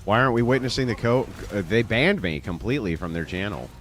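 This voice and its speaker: A man's voice: on the low side, lively intonation, quick pace, a bit bright, soft background music. A man live-streaming a game, ranting in a sarcastic, profane way between plays on a desk microphone. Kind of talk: casual live-stream commentary.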